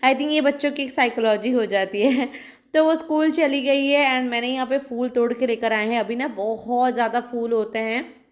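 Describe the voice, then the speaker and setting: A woman's voice: fairly high pitch, steady tone, moderate pace. A young woman with an Indian accent, chatting casually in a home vlog and mixing English phrases into her talk. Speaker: vlogger and mother.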